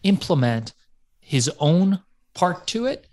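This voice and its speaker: A man's voice: sits high, big pitch swings, takes it slowly, a little mellow. A man from Iran, a guest on an interview, talking in a reflective, casual way and swearing now and then. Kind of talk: podcast interview.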